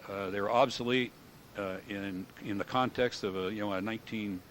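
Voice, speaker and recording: An American man in his seventies speaks in a fairly low voice, as an old veteran remembering wartime service. His delivery is halting and matter-of-fact, pausing as he recalls details. A light background noise runs beneath the recording. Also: steady tone, a bit bright. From United States. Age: 70s. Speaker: World War II veteran giving an interview. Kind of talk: oral history recollection.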